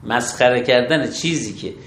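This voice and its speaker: A man, a religious law scholar, explaining rulings step by step in an interview, measured and methodical. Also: medium pitch, a bit bright, echoey room, slight background noise. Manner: measured, methodical, affirms with short approvals.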